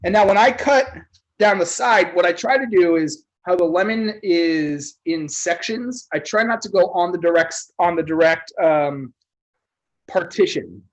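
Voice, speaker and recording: Relaxed joking bartender man. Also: sits high, unhurried, lo-fi sound. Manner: loose, joking, swears casually. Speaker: bartender teaching a cocktail class. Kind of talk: casual livestream cocktail class.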